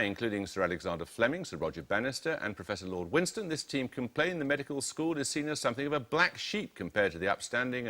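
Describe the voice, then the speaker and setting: Male quiz host, bright, precise delivery, reads questions crisply. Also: mid-range voice. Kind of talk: reading quiz questions and team introductions.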